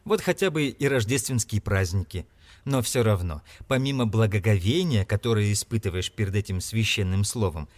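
A cheerful, earnest young man, as voiced by a male audiobook reader, speaks with eager warmth and a lively, moving pitch. His voice sits a little above the reader's own, sincere and hopeful. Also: close to an everyday voice. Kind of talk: audiobook character reading.

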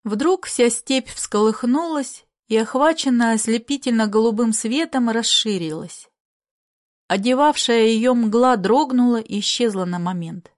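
A woman narrating a literary story in a measured, expressive reading style. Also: on the high side.

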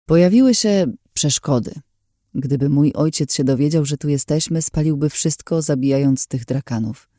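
A troubled young man out of an audiobook, as a male narrator reads him, low and confiding with a very dark, mellow tone. His voice sits slightly high for a man and comes across close and dry, weary with regret. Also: normal speed, dry recording, close to an everyday voice. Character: young man, brooding and remorseful. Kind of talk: audiobook character voice.

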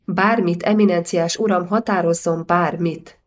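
An anxious city magistrate begs his superior in an urgent, pleading voice, as a woman reading a storybook plays him. Her tone sits a little low. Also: steady tone, distant mic, natural voice.

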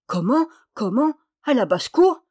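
A woman's voice: expressive, moderate pace, lightly acted. A woman voicing a plucky little male duck who keeps crying out for his money in a storybook. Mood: indignant. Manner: shrill, insistent crying out.

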